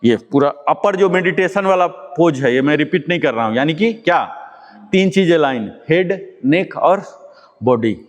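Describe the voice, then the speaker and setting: Guy teaching yoga slow and patient, keeps asking the class questions, long reverb. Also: fairly high pitch, lively intonation. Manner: patient, repeats key words and quizzes students. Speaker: yoga instructor. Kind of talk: guided yoga class instruction.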